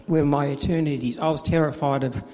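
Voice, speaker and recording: A middle-aged man tells his story of faith in a halting way, with many fillers and restarts, recorded in a church with a long reverb. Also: on the high side, steady tone, darkish tone. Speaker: church volunteer administrator. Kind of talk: personal faith testimony in interview.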